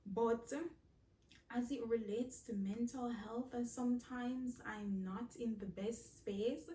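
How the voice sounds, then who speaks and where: Young Jamaican woman, vlog Q&A, slow unhurried delivery, a bit high, recorded roomy and off-mic. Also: steady tone, warm tone, recorded from a distance. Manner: slow, heartfelt, repeats phrases, laughs often. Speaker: vlogger answering viewer questions. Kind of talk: casual Q&A vlog.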